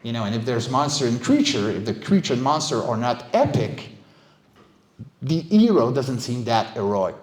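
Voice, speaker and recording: In an echoey room, a middle-aged man with a voice on the high side delivers a casual conference talk as a guest speaker; he's a vocal stunt performer and director. He speaks conversationally and emphatically, regularly checking with listeners, and the live recording sounds roomy.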